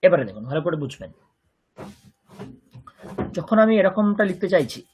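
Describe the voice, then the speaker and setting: A man's voice: sits high, big pitch swings, moderate pace, husky. A man with a Bengali accent teaching a Sanskrit grammar lesson, patiently explaining and repeating words for his students. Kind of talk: online language lesson.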